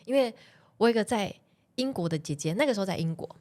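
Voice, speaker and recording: A young woman, a podcast guest telling personal stories in a casual, animated way and laughing often. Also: mid-range voice, fast talker. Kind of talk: casual storytelling chat.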